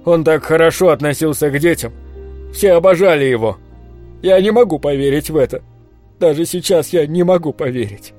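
A man's voice: medium pitch, measured pace, a little mellow, soft background music, natural voice. A man reading an audiobook, voicing a shaken priest who is close to tears. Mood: distressed. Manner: strained, near tears. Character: shaken tearful male priest.

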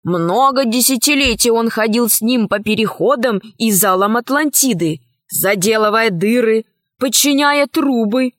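A woman narrating a children's storybook in a clear, even storytelling manner. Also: a little high, measured pace, no echo, studio quality.

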